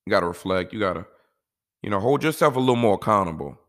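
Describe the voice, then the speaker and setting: A man's voice: on the low side, animated, fast, fairly bright tone. A man talking casually and giving life advice in a laid-back, rambling way, often saying "you know".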